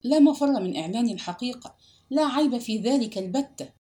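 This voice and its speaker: A woman voicing a gentle, devoted young woman in an audiobook, speaking tenderly and reassuringly. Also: on the high side, lively intonation, brisk, voice pushed up, close to an everyday voice.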